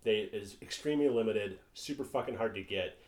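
A man's voice: lowish voice, brisk, roomy sound. A man co-hosting a podcast, chatting casually and rambling with lots of fillers and swearing. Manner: relaxed, rambling, swears freely, many fillers. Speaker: podcast co-host. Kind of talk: casual chat.

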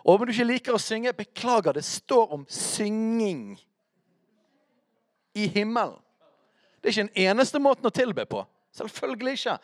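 A man preaching a teaching sermon in a conversational way, speaking straight to his listeners and checking in with quick questions. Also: high voice, sing-song, dry recording, studio quality.

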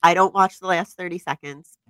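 Lower-voiced woman, animated podcast storyteller. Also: brisk, clear, resonant tone, no echo. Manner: animated storyteller, laughs often. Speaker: podcast co-host. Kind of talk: casual chat. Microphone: podcast microphone.

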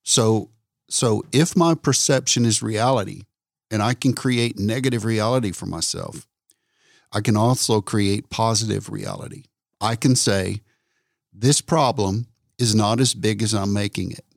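A man hosting a casual faith talk, repeating words for emphasis like a preacher and slowing down on key points. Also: fairly low pitch, creaky, no echo, studio quality. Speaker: podcast host.

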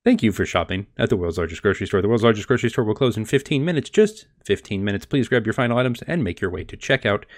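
A man's voice: on the low side, animated, quick pace, few pauses, dry recording, studio quality, natural voice. A man as game master voicing a store intercom announcer who politely announces closing time, repeating the same lines. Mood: announcing.

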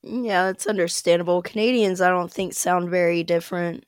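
A woman's voice: on the low side, steady tone, moderate pace, clear, resonant tone, no echo, clean studio sound. A woman from the Midwest, chatting casually as a podcast guest and laughing as she tells stories. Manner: chatty, laughs often while telling stories. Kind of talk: casual chat.

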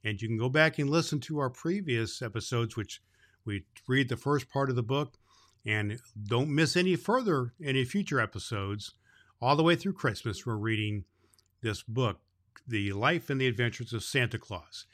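A man playing Santa Claus as a jolly, grandfatherly old man, talking kindly and haltingly to children as host of a Christmas story show. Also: medium pitch, animated, fairly bright tone, lightly acted. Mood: gentle, explaining. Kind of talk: unscripted, folksy address to child listeners.

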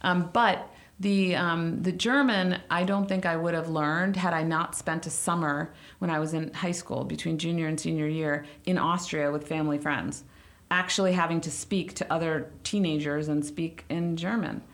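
Talking politics as a podcast guest, this American woman, a native Hungarian speaker and former congressional staffer, hedges thoughtfully and laughs softly now and then. Her low voice stays steady, moving at a moderate pace through the casual conversation.

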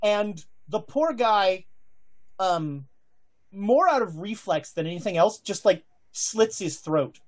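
A man improvising narration as game master of a tabletop game, thinking aloud in halting phrases. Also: high voice, animated.

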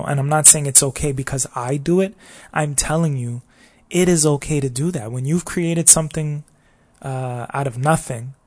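A man hosts a casual solo podcast in a voice of ordinary middle pitch with a slight scratchiness. He talks in a loose, reflective, rambling way and keeps checking in with the listener. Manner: rambling and reflective, often asking "you know what I mean?". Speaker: podcast host.

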